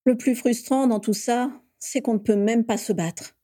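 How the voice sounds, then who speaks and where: A woman acting out a teenage boy wizard, pushed well above her own voice and bursting with theatrical swagger. The delivery is showy and triumphant, with a mellow tone. The recording is dry and close. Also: a little high, fairly even intonation, unhurried, dry recording. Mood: playful, showy. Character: exuberant teenage boy wizard, cocky prankster.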